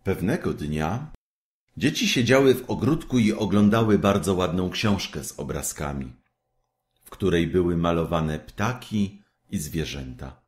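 Male storyteller reading a fairy tale, low voice, unhurried and very melodic. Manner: expressive, measured storytelling.

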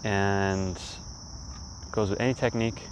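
A man's voice: fairly low pitch, fairly even intonation, slow pace. A man in his thirties instructing a guided breathing exercise in short, spaced-out phrases. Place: outdoors by a leafy pond. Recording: insects and outdoor ambience, faint noise.

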